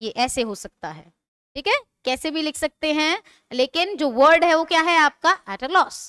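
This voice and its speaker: A young Indian woman teaching spoken English in Hindi, drilling example sentences slowly and answering her own questions. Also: sits high, animated, bright, forceful tone, no echo, studio quality.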